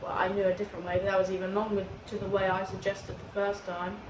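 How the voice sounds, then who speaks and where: Woman co-telling a story casually, medium pitch, roomy echo n noticeable noise behind her. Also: level tone, quick pace, muffled recording.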